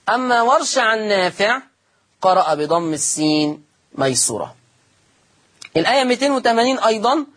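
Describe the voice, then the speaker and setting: An Egyptian woman teaches Quran recitation in a breathy, slightly husky voice of ordinary pitch. She explains patiently, repeating each rule, and asks her listeners rhetorical questions. When she quotes a word, she draws it out slowly. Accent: Egyptian Arabic. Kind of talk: explanatory religious lesson.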